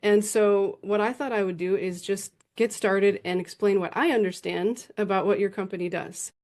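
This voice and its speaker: A woman's voice: medium pitch, fairly even intonation, moderate pace, darkish tone. Woman hosting a casual interview. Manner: friendly, conversational, asks open questions. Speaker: podcast host.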